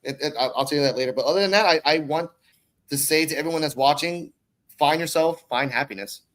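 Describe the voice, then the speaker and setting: Here a podcaster and online content creator from the Bronx, New York, guests on a laid-back conversational show. The pitch sits fairly high, the pace is quick, and the tone is a bit bright. He rambles, uses slang, and swears now and then.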